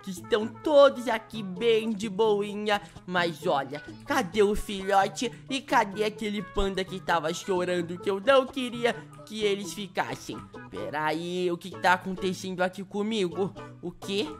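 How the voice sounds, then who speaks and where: A woman's voice: mid-range voice, a little slow, hardly any pauses. A woman with a Brazilian Portuguese accent hosting a Minecraft let's play, chatty, sighing often and cooing over cute animals. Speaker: gaming video host. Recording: faint background music.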